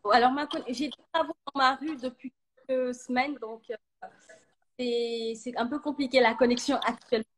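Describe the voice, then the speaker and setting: A woman coach speaking earnestly in short, halting phrases, her voice breaking up over a choppy live video stream from a phone. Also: fairly high pitch, fairly even intonation. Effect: choppy live-stream audio cutting in and out. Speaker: coach for women. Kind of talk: live video chat testimony. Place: at home on a noisy street with roadworks.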